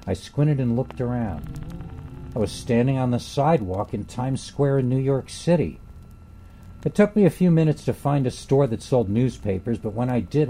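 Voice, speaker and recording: Brief: male storyteller for a horror tale, deliberate and grave, very warm and dark voice. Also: mid-range voice, a little hiss or hum. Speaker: narrator. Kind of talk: first-person horror story narration.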